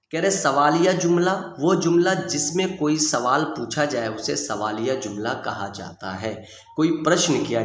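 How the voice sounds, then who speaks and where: A man's voice: on the high side, fairly bright tone, echoey room. A man teaching a recorded grammar lesson, explaining patiently, repeating key points and asking and answering his own questions. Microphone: video lesson mic.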